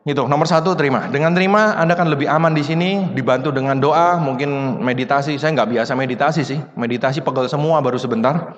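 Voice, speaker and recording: A man's voice: mid-range voice, quick pace, highs cut off. A man giving a motivational seminar talk to an audience, in a casual, chatty way full of rhetorical questions. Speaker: motivational speaker. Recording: long hall reverb.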